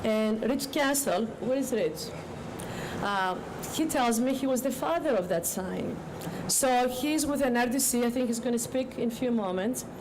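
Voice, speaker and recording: A woman giving an informal public speech as a guest official, in deliberate, halting short phrases. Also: fairly high pitch. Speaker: government agency director, guest speaker. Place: outdoors on a public street. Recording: outdoor street with loud traffic noise. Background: clear traffic noise.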